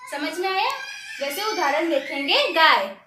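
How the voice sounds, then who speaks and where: A woman teaching young pupils a grammar lesson, dictating definitions slowly and asking questions she answers herself. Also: very high-pitched, lively intonation, roomy sound, background noise.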